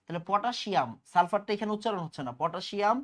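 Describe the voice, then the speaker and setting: A man's voice: sits high, fast. A man teaching a chemistry exam-prep lecture, drilling terms by repetition and answering his own questions.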